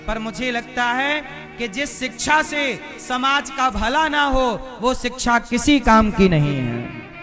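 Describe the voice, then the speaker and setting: A male spiritual preacher giving a devotional discourse to a crowd, firing rhetorical questions at the audience and hammering points home with emphatic repetition. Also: very high-pitched. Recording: violin music playing behind.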